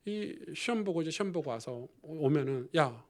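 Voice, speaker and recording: A man preaches a sermon in a fairly high voice, telling stories as if chatting with the congregation. He swings between forceful, loud emphasis and soft, almost whispered asides. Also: lively intonation, a little fast. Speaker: pastor.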